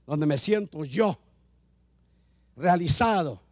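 A man's voice: on the high side, expressive, takes it slowly, dry recording. A man pastor preaching a sermon, repeating phrases and rising in emphasis as he addresses his congregation.

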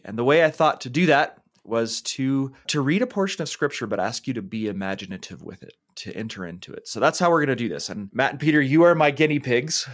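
A man hosting a podcast, calmly and gently guiding listeners through an imaginative scripture meditation. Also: mid-range voice. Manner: calm, gently guiding, invitational. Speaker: podcast host. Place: back porch.

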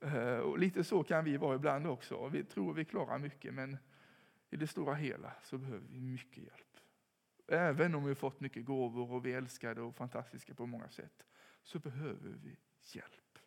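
A man giving a sermon in a calm, reflective way, with pauses and rising emphasis. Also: medium pitch, creaky. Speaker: preacher. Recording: long hall reverb.

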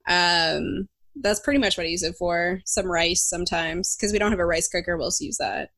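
A woman's voice: lowish voice, moderate pace, a bit bright. A woman chatting casually as the host of a podcast. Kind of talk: casual chat.

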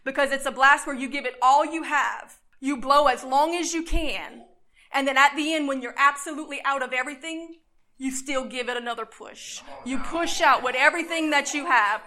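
A woman preacher delivering a sermon with fervent, emphatic delivery, her phrases swelling loud. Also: high-pitched, normal speed.

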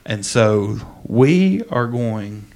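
A man's voice: lowish voice, animated, extremely slow, vocal fry, a little mellow. A man co-hosting a podcast in casual, jokey, mock-serious banter. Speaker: podcast co-host.

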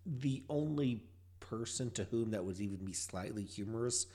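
A man's voice: lowish voice, moderate pace, mellow. A man co-hosting a podcast in casual chat, dropping dry, wry remarks. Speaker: podcast co-host.

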